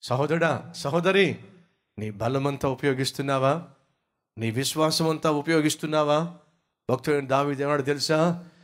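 A man's voice: on the high side, moderate pace, pauses often. A male pastor preaching a sermon, driving his points home with emphatic, repeated rhetorical questions.

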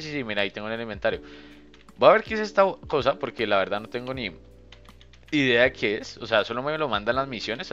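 A young man, giving casual, chatty commentary while playing a game and thinking out loud to his viewers. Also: fairly low pitch, muffled recording. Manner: chatty, thinks aloud, often addresses viewers as "muchachos". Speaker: gaming youtuber.

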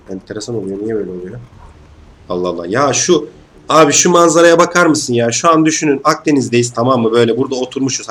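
Hoarse young man narrating gameplay. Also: medium pitch, a little hiss or hum. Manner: chatty, excitable, slangy, bursts into shouts. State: hoarse from illness. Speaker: gaming channel host. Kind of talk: casual let's-play commentary.

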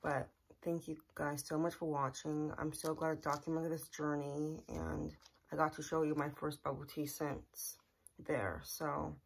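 A young woman records a casual vlog in a small bedroom, speaking to a close camera in an earnest, plain, repetitive way. Her low voice is unhurried, gravelly and husky, and the recording is rough.

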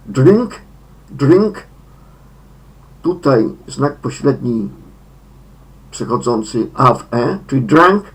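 A man with a Polish accent, a Polish speaker teaching English pronunciation, slowly repeating each word in sets of three. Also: medium pitch. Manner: slow, deliberate, repeats words in sets of three. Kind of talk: slow pronunciation lesson.

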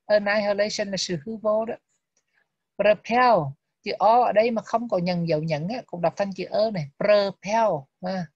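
A woman teaching a Buddhist text lesson, reading English terms and drilling their pronunciation slowly and deliberately. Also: medium pitch, fairly even intonation, a little mellow, husky, no echo. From Vietnam. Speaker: Abhidhamma teacher. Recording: dull lo-fi, dry sound.

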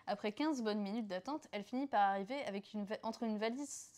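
A woman streamer reading an erotic book aloud on her streaming mic, deadpan with giggles breaking through. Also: mid-range voice, fairly quick.

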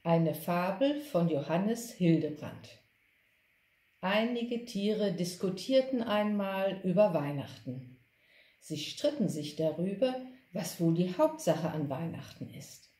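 A woman reads a fable aloud in a calm, measured way, slow and a little low. Her voice rings in a roomy church. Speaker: storyteller for a church advent calendar.

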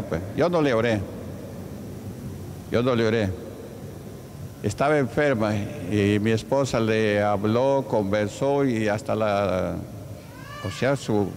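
A man's voice: mid-range voice, gravelly, a little mellow. A man from Peru, a pastor with a Peruvian Spanish accent, preaching a testimony sermon with call-and-response cries. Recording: echoey church hall with faint background noise.

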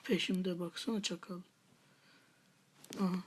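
A woman's voice: on the low side, fairly even intonation, measured pace, a little hiss or hum. A woman hosting a gaming channel, giving live gameplay commentary with half-whispered muttered asides and playful taunts at opponents.

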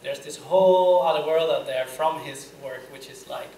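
A man's voice: fairly high pitch, normal speed, warm tone. A young man hosting a live interview, casual and full of fillers. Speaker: host. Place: room with a table, audience. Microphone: table mic on stand. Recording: echoey room, noisy, far from mic.

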